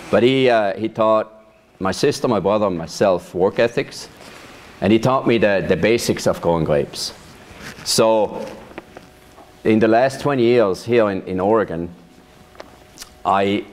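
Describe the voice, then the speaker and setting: A man in his fifties speaks in a deep, low register. He tells his story in a measured, reflective way as an interviewee at his farm. Faint background hiss sits under the voice. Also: a little mellow. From Switzerland. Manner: measured storytelling with occasional laughs. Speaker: interviewee, vineyard manager. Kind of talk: oral history interview.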